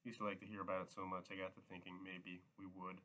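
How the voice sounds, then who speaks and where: A man voicing a weary, guarded male farmhand who speaks slowly and heavily. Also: low voice, completely flat delivery, pushed and bright. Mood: resigned.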